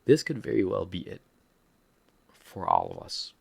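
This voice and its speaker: A low, gravelly voice with a darkish tone and a breathy edge swings hugely in pitch as this man speaks unhurriedly. He is a Filipino-accented podcast host delivering a candid, earnest personal monologue about a setback, with self-deprecating humor.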